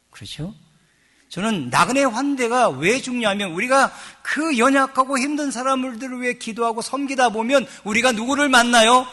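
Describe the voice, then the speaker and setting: A middle-aged male pastor delivers a sermon in a bright, forward voice that sits high for a man. His delivery is animated, dropping to hushed asides and rising to loud emphasis, and he slips into chatty, joking quoted voices.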